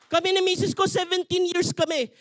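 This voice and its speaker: A male pastor preaching an energetic, emphatic sermon at a men's conference, mixing in English verses. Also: very high-pitched, brisk.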